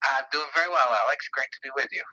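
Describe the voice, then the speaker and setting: A man speaking over the phone as a politics reporter, explaining at a measured pace with frequent filler pauses. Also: mid-range voice, fairly even intonation, pushed and bright. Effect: heard over the phone. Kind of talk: phone interview. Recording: muffled phone line.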